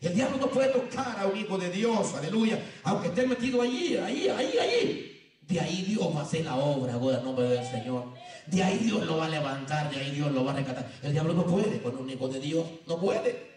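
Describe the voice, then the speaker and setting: A male pastor preaching a sermon, jumping between shouted lines and low murmurs and repeating phrases. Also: expressive, brisk. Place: church. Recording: echoey church from far off.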